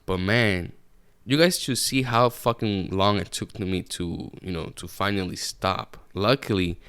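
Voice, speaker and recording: A man's voice: low-pitched, measured pace, a bit bright, clear, resonant tone, no echo. A man, hosting a solo podcast from his apartment, rambling casually and swearing freely. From Puerto Rico. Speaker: podcast host. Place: apartment room.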